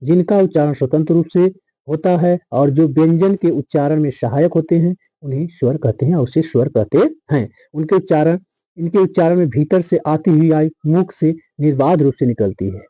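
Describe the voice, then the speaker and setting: Dark-voiced male Hindi grammar teacher. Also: on the high side, normal speed, no echo. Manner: repeats key lines, quizzes the viewers.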